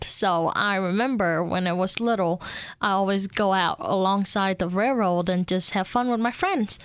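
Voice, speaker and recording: A woman's voice: mid-range voice, clean tone, no room sound, studio quality. A young woman from Vietnam with a Vietnamese accent, whose first language is Vietnamese, chatting casually as an interview guest. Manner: chatty, relaxed storytelling with fillers.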